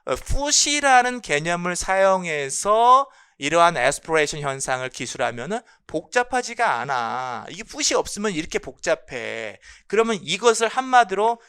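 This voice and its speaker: A man teaches an exam-prep class, his pitch jumping around animatedly. His voice is bright and crisp, and he keeps asking questions and then answering them himself. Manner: lively, repeats key points, asks and answers his own questions. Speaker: English linguistics lecturer. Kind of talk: exam-prep lecture explaining phonology.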